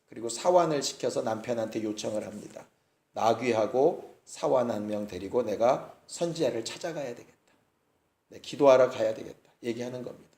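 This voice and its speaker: Male pastor preaching, lively up and down voice, storytelling w/ questions, echoey church. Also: on the high side. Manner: storytelling preacher acting out quotes, rhetorical questions. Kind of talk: sermon. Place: church sanctuary.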